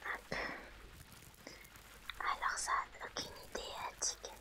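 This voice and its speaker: A woman whispering softly to her audience in ASMR style, reading out chat names and answering them gently. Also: slow. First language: French.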